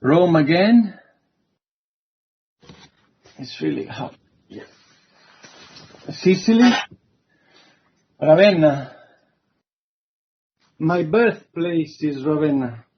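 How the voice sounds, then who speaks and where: Man, university lecturer, slow and halting, fairly high voice, dull call audio. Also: animated, breathy edge. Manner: slow, hesitant, many fillers. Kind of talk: online introductory lecture. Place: online video lecture.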